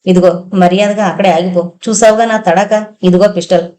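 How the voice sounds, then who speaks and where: A woman's voice: fairly low pitch, steady tone, brisk, mellow, natural voice. A woman voicing a tough male outlaw who speaks harshly and with command. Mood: threatening. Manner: harsh, commanding, then lecturing.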